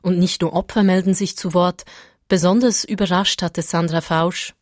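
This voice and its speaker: A woman reporter reading a scripted radio news feature in an even, measured way. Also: fairly low pitch, dry recording, clean studio sound.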